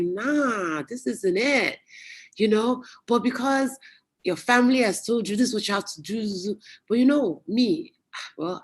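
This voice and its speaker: A guest speaker giving a casual, chatty motivational talk to young people over a video call, telling stories with lively exclamations. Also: mid-range voice. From United States. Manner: chatty, animated storyteller with local exclamations. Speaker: guest speaker at youth webinar.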